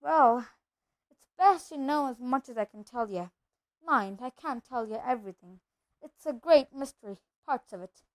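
Storybook giant man, played by a woman: gruff, kind-hearted, colloquial and emphatic, pitched high. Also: expressive, normal speed. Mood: anxious, reluctant.

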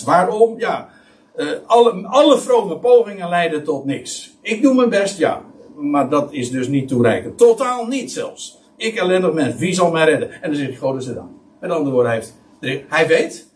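Animated preacher, off-mic. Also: male voice, sits high. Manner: animated, emphatic, many restarts. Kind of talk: sermon, Bible teaching. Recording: voice somewhat far from mic.

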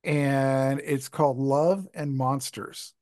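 Joking podcast co-host, dry close sound. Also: male voice, medium pitch, fairly even intonation, slow pace, a little mellow, no echo. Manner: joking, rambling, laughs often. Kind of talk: casual chat.

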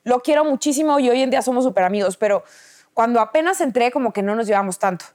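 A woman in her thirties with a Mexican accent, a guest telling a story in a dramatic, animated way in casual chat. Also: on the high side, fast talker.

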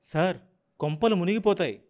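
A jittery young news editor pleads with his boss in a high, strained voice, as an audiobook narrator puts him on. He sounds anxious and ready to back down. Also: normal speed, a little mellow, natural voice. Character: nervous young male news desk editor.

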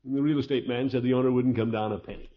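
A man acting a fretful, pompous, soft-hearted middle-aged uncle in a 1950s radio sitcom, blustering and hemming with theatrical sighs. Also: medium pitch, fairly even intonation, rapid-fire, lightly acted. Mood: worried. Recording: dull, noisy old radio recording.

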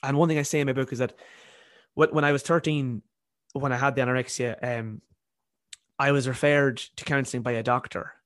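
A man in his early twenties with a softened Cavan Irish accent, speaking reflectively in an interview and repeating words as he thinks. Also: medium pitch, fairly even intonation, fairly quick, no room sound, clean studio sound. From County Cavan, Ireland. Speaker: podcast guest, university student.

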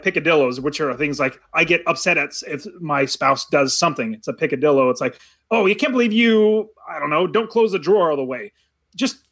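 Animated high-voiced middle-aged man. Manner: animated, acts out parents yelling. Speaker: podcast co-host. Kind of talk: casual chat.

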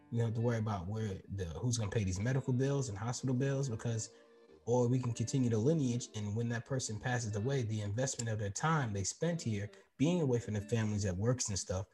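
A man hosting a talk show, chatting casually and telling stories with a lively, rising voice. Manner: animated storyteller, voice rising high when laughing. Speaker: podcast host. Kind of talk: casual interview chat.

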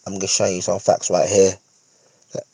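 A man hosting a podcast rants casually and opinionatedly in a London roadman accent full of street slang, repeating phrases emphatically and checking with tag questions that listeners are with him. His voice is low, dark, and monotone with a breathy edge, at a moderate pace, and there's no echo on the recording.

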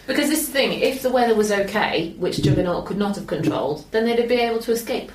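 A woman's voice: on the high side, expressive, quick pace, echoey room, far from the mic. A young woman who is a guest on a podcast, answering briefly and with some hesitation in a casual film chat.

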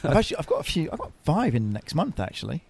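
A man co-hosting a podcast, quick with jokes and casual swearing. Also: a little high, huge pitch swings, gravelly, a little mellow, slightly rough. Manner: quick-witted, swearing, laughing along. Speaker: podcast co-host. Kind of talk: casual chat.

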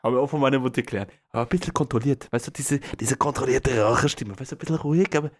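A young man chats on a podcast in a playful, teasing way, often pretending to be dead serious. His voice sits at an ordinary middle pitch. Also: very fast. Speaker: podcast co-host. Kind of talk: casual comedic chat.

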